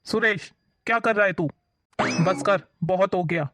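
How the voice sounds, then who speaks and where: A woman's voice: fairly low pitch, a little slow, a bit bright. A woman playing a stern but fair-minded older father-in-law who reproaches his wife and son. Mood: reproachful.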